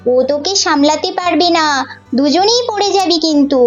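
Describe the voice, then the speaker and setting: Woman as young older sister girl, high voice, cautious, tattling, muffled, soft music. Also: moderate pace. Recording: slightly muffled with faint music.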